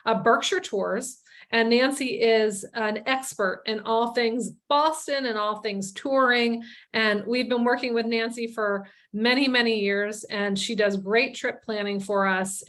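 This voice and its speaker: A woman who owns a tour company, hosting an online presentation in a chatty way, with many pauses and restarts. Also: fairly high pitch, a bit bright. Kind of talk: casual webinar presentation.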